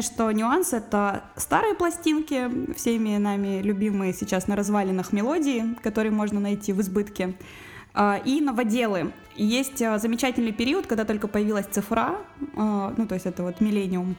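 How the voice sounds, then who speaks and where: Her voice is mid-range and darkish, at a normal pace, as this woman chats about music as a radio show guest. She sounds hesitant, stumbling through frequent fillers and restarts.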